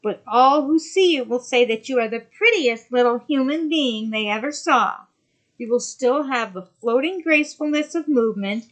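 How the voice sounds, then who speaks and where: A shrill, cruel old sea witch crows her bargains in a loud, high, piercing voice, as a woman storyteller puts her on. Her lively tone swoops up and down with bright, sharp edges. A storybook villain who mocks whoever she speaks to.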